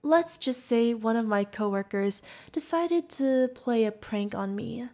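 This woman's voice is on the high side, expressive, a little mellow and a little slow as she plays a feathered alien bartender in an ASMR roleplay. Sweet, curious and friendly, the character chats with the listener in a friendly, chatty way.

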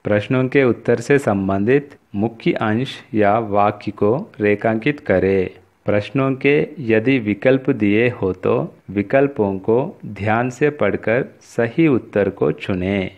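A man teaching a recorded lesson to children, speaking slowly and deliberately and addressing the pupils often. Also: on the low side, muffled recording. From India. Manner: slow, deliberate, repeats "बच्चों" to address pupils. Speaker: Hindi teacher.

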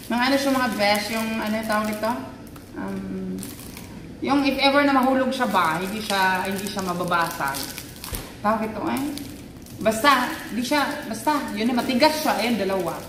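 A woman with a Filipino accent giggling and exclaiming excitedly as she unboxes a phone in a casual vlog. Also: mid-range voice, moderate pace, recorded from a distance, background noise. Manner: excitable, giggly, mixes Tagalog and English. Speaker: vlogger. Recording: echoey room, faint ambience.

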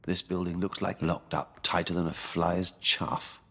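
Deep gravelly British soldier. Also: male voice, flat delivery, a little slow, sharp tone, heavily acted. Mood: jaunty, instructive. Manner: jaunty, colloquial British slang. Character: genial British World War II mission guide, dryly jaunty. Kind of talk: video game mission dialogue.

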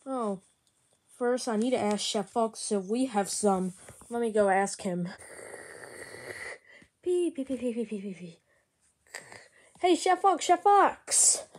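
A woman's voice: on the high side, expressive, takes it slowly, pauses often, darkish tone, a little hiss or hum, voice pushed down. A woman voicing Junior, a hungry, whiny young boy in a plush toy comedy skit. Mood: pleading. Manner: whiny, pleading.

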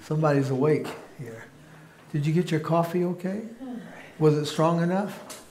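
In a church sanctuary, a male pastor delivers an informal sermon, bantering and joking easily with his congregation. His fairly high voice moves at normal speed. The room is echoey, with a little hiss or hum.

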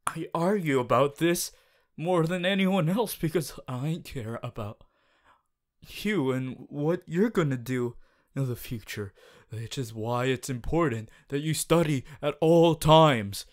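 In an ASMR roleplay monologue, a man plays a strict, earnest teenage class president, speaking at a measured pace in a somewhat high voice close to his everyday one. He pleads earnestly, sounding formal, preachy, and exasperated, with stiff phrasing.

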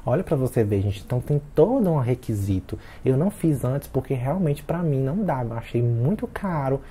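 This late-twenties vlogger keeps things chatty in a casual talk to camera, speaking right to his viewers, keeping them engaged and calling them "gente" again and again. His voice is mid-range, warm, animated and slightly rough, going fairly quickly.

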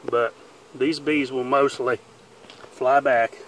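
A beekeeper and channel host narrates casually while filming outdoors in a chicken pen, with bees buzzing faintly behind him. He's plain-spoken and unhurried, using folksy grammar. His medium-pitched voice is steady, and the low-quality recording carries a little hiss or hum.

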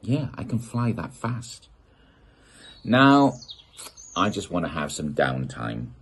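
A camera at desk distance captures a middle-aged man from the United Kingdom in a garden gazebo, reading a children's picture book with a playful, expressive manner. His deep voice has a breathy edge, and he keeps a slow pace.

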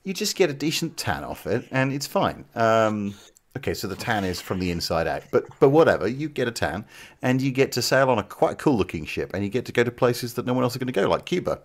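A man's voice: mid-range voice, sing-song, fairly quick. A man making dry, sarcastic jokes with friends on a casual live stream. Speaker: YouTuber on a group live stream. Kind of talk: casual banter.

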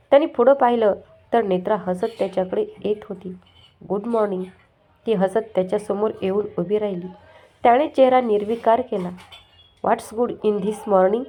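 A woman reads a story aloud at an even, steady pace, now and then stumbling and restarting a word. Her voice is mellow and soft-edged. The reading is plain storybook narration. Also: medium pitch.

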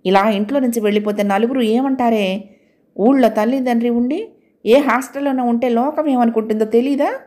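Pleading gentle older sister, read by a woman. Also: fairly high pitch, a little fast, lightly acted. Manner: coaxing, pleading.

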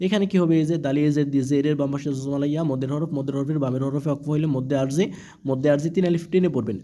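A man's voice: on the high side, dark tone. A man teaching Quran reading, spelling each word letter by letter and asking rhetorical questions as he explains the rules. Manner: patient, letter-by-letter spelling with drawn-out recitation; asks rhetorical questions, checks with "okay?".

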